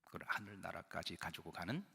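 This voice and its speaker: A man's voice: deep voice, lively intonation, brisk, vocal fry, pushed and bright, husky. A man preaching as senior pastor in a conversational sermon, explaining and putting questions to the congregation. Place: church sanctuary. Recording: long church hall reverb.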